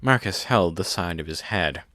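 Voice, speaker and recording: A man narrating a science-fiction audiobook in a steady, measured way. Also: low-pitched, no echo.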